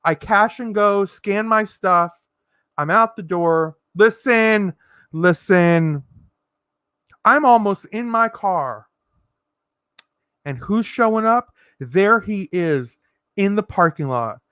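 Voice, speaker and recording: A woman's voice: mid-range voice, lively intonation, slow, long pauses, fairly bright tone, clear, resonant tone, no echo, studio quality. A woman vlogger telling stories to the camera in a sassy, dramatic way, laughing often. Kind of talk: chatty storytelling monologue.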